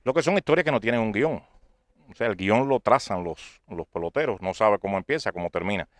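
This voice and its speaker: Male interviewer and sports narrator, lowish voice, measured questions, dry close sound. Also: expressive, no echo.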